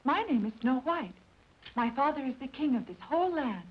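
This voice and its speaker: A gentle young princess speaks in a high, lilting voice full of innocence. It is 1950s fairy-tale film acting on a dull old soundtrack. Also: female voice, sing-song, brisk, husky, full character voice. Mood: gentle, earnest. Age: young adult.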